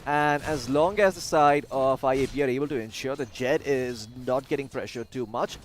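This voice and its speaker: A man with a mid-pitched voice calls a live esports match in a chatty, jokey way. He drifts into self-deprecating asides between plays. Faint noise sits under his voice. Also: moderate pace. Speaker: esports caster. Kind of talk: live game commentary.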